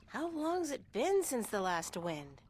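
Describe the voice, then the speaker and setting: An inquisitive young heroine from a video game. She is high-pitched and lively in intonation, polite and bookish, with light noise behind her. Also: takes it slowly. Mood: curious.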